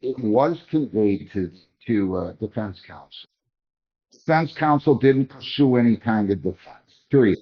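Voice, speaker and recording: A man's voice: mid-range voice, lively intonation, measured pace, muffled recording. A man presiding as a judge in a courtroom hearing, stern and exasperated as he lectures counsel.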